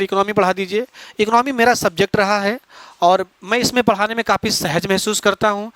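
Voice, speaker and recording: A man's voice: sits high, fairly bright tone, no echo. A man teaching an exam-prep lecture, explaining step by step and asking rhetorical questions of his students. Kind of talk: classroom lecture.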